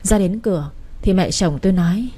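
A woman's voice: lowish voice, brisk, mellow, breathy edge. A woman reading a romance story aloud and voicing all the characters herself. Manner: reads every character in her own voice, with little change. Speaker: story narrator.

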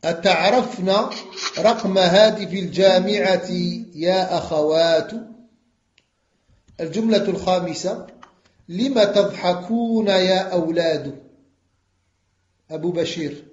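A man teaching an Arabic grammar lesson, slow and deliberate, repeating words for his students and switching into French to explain. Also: high-pitched. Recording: echoey, dull lo-fi recording.

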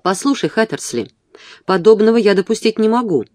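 A stiff, proper gentleman, voiced by the reader, protests with formal indignation in an audiobook. Dry, close sound. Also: mid-range voice, lively intonation, a little fast, no echo, voice pushed up, close to an everyday voice. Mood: indignant.

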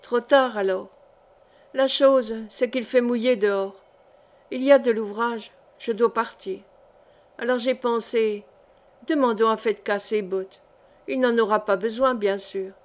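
A woman's voice: a little high, steady tone, a little slow, close to an everyday voice. A woman reading the part of a young male coachman, talking in a hesitant, coaxing way.

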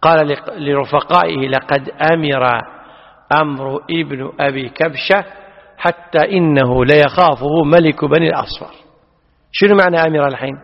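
Man teaching, high voice, patient explanations, long hall reverb, dull audio. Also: moderate pace, creaky. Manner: explains patiently, asks the students questions. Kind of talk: classical text lesson.

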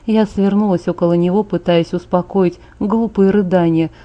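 A woman narrating a novel in the first person, calm and unhurried. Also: on the low side, dull audio. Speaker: audiobook narrator.

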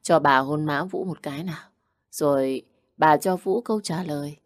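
A loving old grandmother speaks soft and tender, as a woman reads her in a storybook. Her voice sits low and calm. The sound is dry and close. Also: normal speed, no echo, close to an everyday voice.

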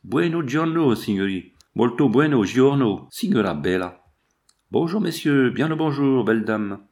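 A man's voice: medium pitch, moderate pace, vocal fry, a little mellow, natural voice. A man doing a mocking, brusque Italian shepherd. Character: rough insolent male Italian shepherd-brigand.

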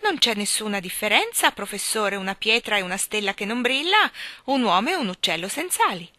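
A woman reading aloud and voicing a carefree, playful young king, her voice lifted and excited. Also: mid-range voice, brisk, dry recording. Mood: serene. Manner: bright, raised, excited voice.

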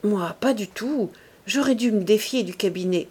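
A woman reading the part of an uneasy young man in an audiobook, in a hushed, halting voice. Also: mid-range voice, husky, close to an everyday voice. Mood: awkward.

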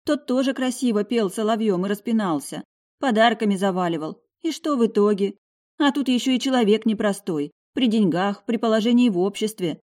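A woman's voice: mid-range voice, fairly quick, darkish tone, voice pushed up, close to an everyday voice. A woman reading an audiobook voices a worried middle-aged mother who talks in an anxious, coaxing, protective way. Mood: anxious, warning. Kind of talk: audiobook character voice.

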